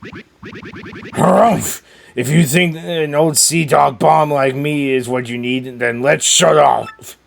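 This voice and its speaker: A man voicing a gruff, proud old bomb admiral in a video game, with blustery, old-fashioned nautical speech. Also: a little high, takes it slowly, soft background music, heavily acted. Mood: gruff, resolute.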